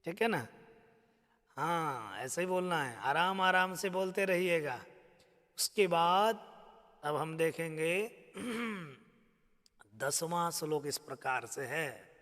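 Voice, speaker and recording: A male teacher on a live stream who chants verses in a sing-song way and explains between them in quick asides. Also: fairly high pitch, expressive, a bit bright. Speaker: stotra recitation teacher. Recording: long hall-like reverb.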